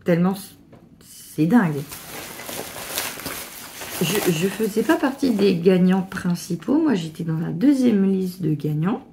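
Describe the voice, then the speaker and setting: A middle-aged woman gushing excitedly as she unboxes a craft parcel, with stumbling restarts. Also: on the low side, unhurried, gravelly, long pauses, a little hiss or hum. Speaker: crafting vlogger. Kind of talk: casual unboxing chat.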